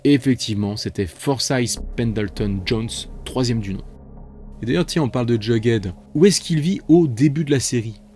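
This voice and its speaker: A man's voice: medium pitch, normal speed, a little mellow, faint music behind. A man hosting a multiple-choice quiz, reading out questions and options with playful, chatty asides. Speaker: quiz host.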